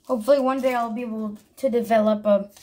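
A woman vlogger opens packs of trading cards and gives casual unboxing commentary, calling out each card's name in short bursts and thinking aloud in between. Her voice is on the high side, steady in tone, a little mellow, and she talks fast.

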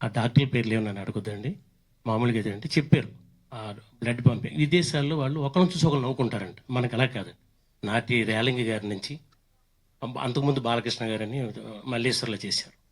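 A man's voice: mid-range voice, quick pace. An older man, a mimicry artist, chatting and joking between impressions on a stage with a handheld mic. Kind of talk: stand-up mimicry act. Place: stage event.

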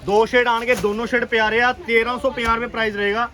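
A man with a Punjabi accent giving an urgent, repetitive, enthusiastic sales pitch as a shop seller on an online video. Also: level tone, quick pace, bright, forceful tone. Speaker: clothing shop seller presenting stock. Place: busy clothing shop.

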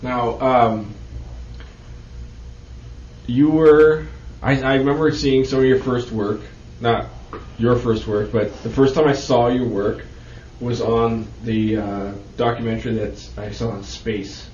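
A man's voice: medium pitch, fairly even intonation, takes it slowly, darkish tone, slight background noise. A man hosting a casual radio show from a studio and asking loose, rambling questions. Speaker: radio host. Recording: dull roomy studio sound.

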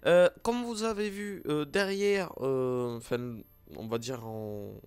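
A man's voice: mid-range voice, slow pace, clear, resonant tone, faint music behind. A man with a regional accent, a gaming YouTuber, talking casually to his viewers with many fillers and restarts. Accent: French-speaking regional accent. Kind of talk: casual vlog talk to viewers.

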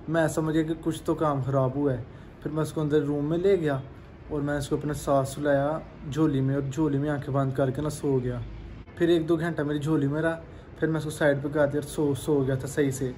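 A man's voice: on the high side, darkish tone, slight background noise. A man from Pakistan with a Pakistani Urdu accent, chatting casually in a vlog. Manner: chatty, informal. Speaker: vlogger.

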